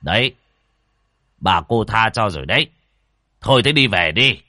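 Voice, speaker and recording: A man's voice: lowish voice, lively intonation, unhurried, sharp tone, no room sound, exaggerated voice. A man voicing a stern, experienced older village man who scolds bluntly. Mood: scolding.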